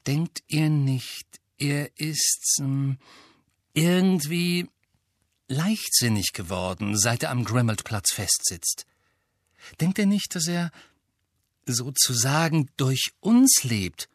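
A man's voice: on the high side, expressive, normal speed, breathy edge, no echo, studio quality, pitched above the performer's own voice. Man voicing a hesitant, worried teenage witch girl. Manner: hesitant, picks words carefully. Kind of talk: audiobook character voice.

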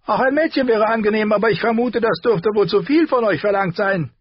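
Guy doing a high sarcastic dwarf lord, sneery and sly, husky storybook read. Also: fairly quick, no echo, lo-fi sound. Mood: mocking. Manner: sarcastic, drawling mockery. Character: mocking sly male dwarf nobleman.

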